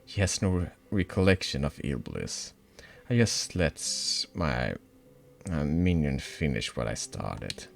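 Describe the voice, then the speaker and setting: A male streamer chats casually about the game he is playing, correcting himself as he goes. His voice is extremely low and gravelly. He speaks slowly, with a lively pitch. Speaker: streamer reading a game aloud.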